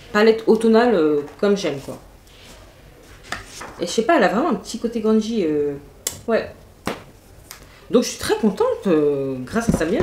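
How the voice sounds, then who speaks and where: A woman's voice: mid-range voice, darkish tone. A woman, chatting enthusiastically through a makeup and clothes haul, full of fillers and asides. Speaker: beauty vlogger. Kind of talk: casual haul video chat. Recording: echoey room, faint noise.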